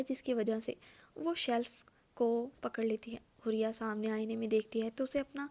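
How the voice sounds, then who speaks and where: A woman reading a novel aloud and narrating in a steady storytelling manner as the channel's host. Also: on the high side.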